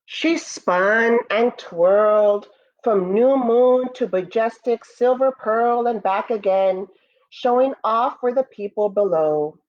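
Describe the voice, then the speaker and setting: Reading aloud to a class, this American educator performs a picture book expressively and talks straight to the children between passages. She speaks slowly in a somewhat high, darkish voice, captured in dull-sounding audio.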